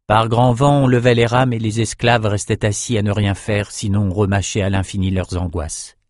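Low-voiced male audiobook narrator. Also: flat delivery, normal speed, a little mellow, no room sound, clean studio sound. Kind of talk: scripted narration.

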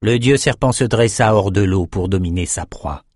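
A man reads a fantasy adventure aloud in an even, measured way. His voice sits low, and the recording is dry and close with no room sound. The pacing is steady and controlled. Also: breathy edge, no room sound. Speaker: audiobook narrator. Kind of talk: scripted fantasy narration.

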